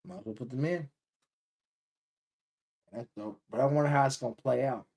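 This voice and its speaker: A man's voice: mid-range voice, moderate pace, creaky, darkish tone. A man co-hosting a live stream, chatting loosely about wrestling in slangy, filler-heavy talk. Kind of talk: casual wrestling chat.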